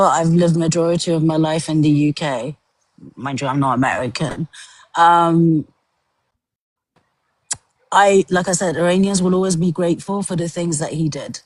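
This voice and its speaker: A woman's voice: deep voice, a little mellow, dry recording, poor audio. A woman from Iran, a guest on a livestream, who speaks earnestly, laughs often and hedges her points. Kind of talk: political debate on a livestream.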